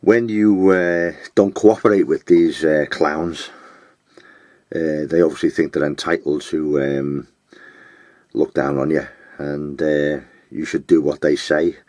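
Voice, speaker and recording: A man giving advice in an unscripted monologue, blunt and scornful, with frequent pauses and filler words. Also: rumbling low, steady tone, darkish tone, no echo. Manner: blunt, scornful, name-calling; halting, with many fillers.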